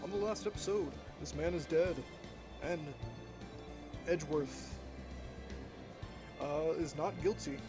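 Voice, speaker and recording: Male gamer, slightly high voice, recorded under a blanket; rambling, unhurried let's-play commentary. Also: over music. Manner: rambling, halting with many fillers. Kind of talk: casual gameplay commentary.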